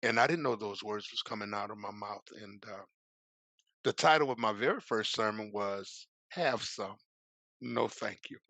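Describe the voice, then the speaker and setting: A middle-aged man, a preacher appearing as a guest, telling a personal story with lively energy and moving into a preaching cadence. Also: lowish voice, moderate pace, no echo. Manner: lively, acts out the voices in his stories.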